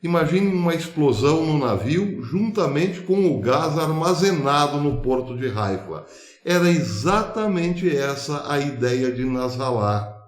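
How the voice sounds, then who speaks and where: A man's voice: on the high side, animated, measured pace. Guy doing news commentary, punchy rhetorical questions, roomy echo. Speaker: host.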